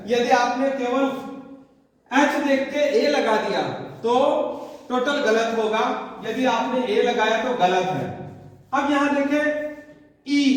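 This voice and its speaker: Man teaching a grammar class, very high voice, quizzes himself as he goes, far from the mic, long hall reverb. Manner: asks and answers his own questions.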